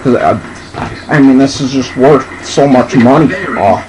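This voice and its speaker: A drunk man rambling casually and haltingly as he presents and reads out a poem, drawing words out and losing his thread. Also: mid-range voice, a crowd in the background, rough recording.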